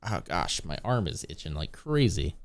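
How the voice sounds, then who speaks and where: Low-voiced man chatting loosely with viewers. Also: sing-song, normal speed, no echo. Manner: rambling, easygoing, chuckles often. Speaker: live streamer. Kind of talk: casual chat with viewers.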